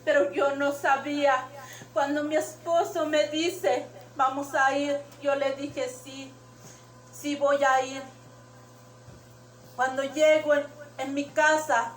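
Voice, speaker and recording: A woman with a high, slow-paced voice gives an emotional testimony in church, retelling her dreams. She sounds set back from the microphone in an echoey hall. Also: flat delivery. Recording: echoey room, distant mic.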